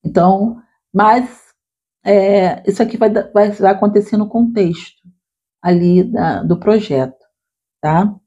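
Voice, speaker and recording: Woman teacher with a husky, dull-sounding voice. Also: medium pitch, slow, mellow. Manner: conversational, frequent "tá?" tag questions. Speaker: literacy teacher. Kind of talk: explaining classroom activities to teachers. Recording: dull lo-fi recording.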